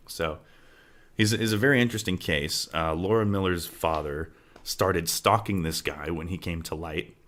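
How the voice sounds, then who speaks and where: Recording at home with farm animals close by, this man co-hosts a true-crime podcast in a loose, conversational style. He keeps checking in with "right?" and now and then dissolves into laughter, his low voice carrying a slight brightness.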